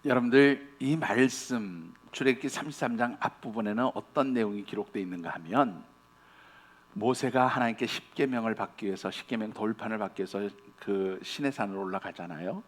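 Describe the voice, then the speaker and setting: A man's voice: fairly low pitch, brisk. A man preaching a sermon as pastor, speaking earnestly and directly to his congregation and retelling scripture in everyday speech.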